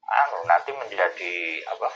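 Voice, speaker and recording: A man, explaining answers to a host's questions in a thoughtful way, pausing often to find his words. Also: sits low, lively intonation, a bit bright, lo-fi sound, slight background noise. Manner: thoughtful, with many pauses and fillers. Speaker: Islamic scholar answering questions. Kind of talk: explanatory Q&A talk.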